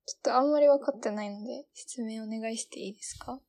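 A woman's voice: on the high side, quick pace, a little mellow. A young woman with a Kansai accent co-hosting a podcast, chatting casually and laughing often. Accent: Kansai Japanese. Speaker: podcast co-host. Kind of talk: casual chat.

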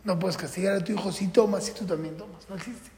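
A man's voice: sits high, quick pace, darkish tone. Echoey lecturing man. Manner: earnest, repeats rules in patterns, asks and answers own questions. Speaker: religious parenting teacher. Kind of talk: classroom lecture. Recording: echoey hall with long reverb.

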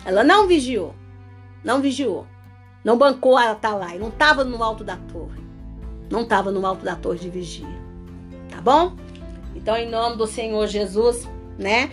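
Woman preaching loudly. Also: on the high side, expressive, moderate pace, soft background music. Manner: loud and emphatic, repeats phrases. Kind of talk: sermon. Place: online broadcast.

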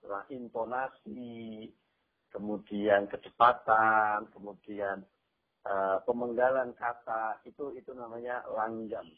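A man preaching a Quran exegesis sermon, explaining verses and asking rhetorical questions. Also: on the low side. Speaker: Islamic preacher. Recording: tinny phone-like radio sound.

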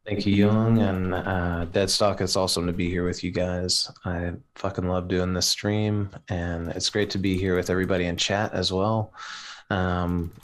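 A man who is a guest on a live-streamed podcast, talking in a laid-back, halting way with many fillers. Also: low voice, flat delivery. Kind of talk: casual live-stream chat.

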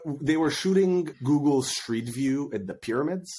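Here the same kind of speaker, an Egyptian product marketer on a podcast, spins casual stories full of slang and quoted asides. His voice sits a little high, with a dark, slightly rough tone, and he sounds animated while speaking a little slowly.

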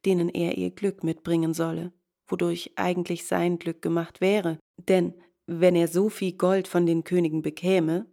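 A woman reading a fairy tale aloud in calm storybook narration, voicing the figures as she goes. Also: on the low side, gravelly.

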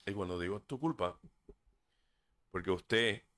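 A solo podcast host with a lowish, slightly bright voice speaks a little slowly into a desk mic. The talk is casual but his manner is earnest and preachy, with occasional stumbles and a habit of drifting into English fillers.

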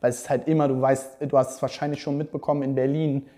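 Young male podcast host, mellow tone, slangy and animated storyteller. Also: mid-range voice, fast. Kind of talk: casual storytelling chat.

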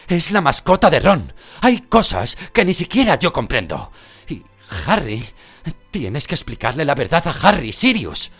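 Man voicing a middle-aged wizard teacher, raised pleading voice, husky, lively. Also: fairly low pitch, unhurried, faint music behind, voice pushed up, exaggerated voice. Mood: urgent. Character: middle-aged wizard teacher, urgent then calmly patient.

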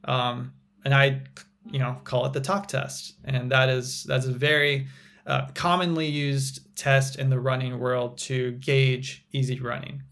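A young man speaking as a guest on a casual podcast, explaining training methods at an easy pace. He speaks with a mid-range voice and plenty of "um"s, clear and unhurried. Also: mid-range voice. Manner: explanatory, relaxed, with frequent fillers. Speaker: physical therapist guest.

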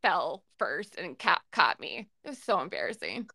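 A woman co-hosting a podcast, telling an animated story in casual chat and acting out the people she quotes. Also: lowish voice, normal speed, creaky, no echo. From Minnesota. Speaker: podcast co-host.

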